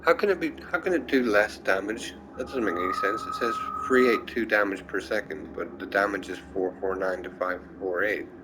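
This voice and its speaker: A man's voice: low voice, fairly quick, few pauses, noisy background. Sleepy man musing over a game. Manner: thinking aloud, trailing off and restarting. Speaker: gameplay streamer. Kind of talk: casual gameplay commentary.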